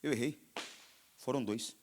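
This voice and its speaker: Here a Brazilian-accented pastor moves between forceful exhortation and soft, confiding asides during his sermon. His pitch is medium and his pace a little slow, with slight background noise.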